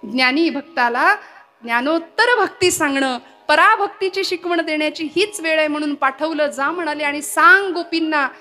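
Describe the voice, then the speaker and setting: A woman kirtan preacher giving a devotional sermon, telling its stories in an expressive, declamatory way and reciting Sanskrit verses. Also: high voice, moderate pace, soft background music.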